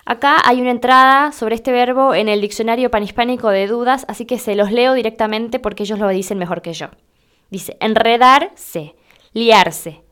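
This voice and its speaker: Young Rioplatense woman, clear resonant voice, teaching verb conjugation and spelling out forms slowly. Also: on the high side, fairly bright tone. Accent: Rioplatense Spanish. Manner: spells out forms slowly when reading entries aloud. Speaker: Spanish language teacher. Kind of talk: explanatory grammar lesson.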